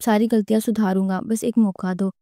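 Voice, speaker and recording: A woman voicing a remorseful young husband in an audiobook-style romance reading, talking softly and earnestly. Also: medium pitch, fairly even intonation, dry recording, clean studio sound, lightly acted.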